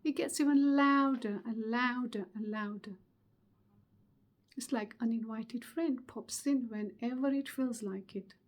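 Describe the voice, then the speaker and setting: A middle-aged woman giving a motivational webinar talk, earnest and emphatic, with many pauses. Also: a little high. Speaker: speaker.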